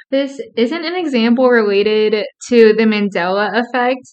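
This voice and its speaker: A young woman co-hosts a casual podcast and earnestly walks through psychology ideas, with a dry, sarcastic edge at times. Her fairly high voice is smooth and clear. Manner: earnest, explanatory, gently sarcastic. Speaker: podcast co-host.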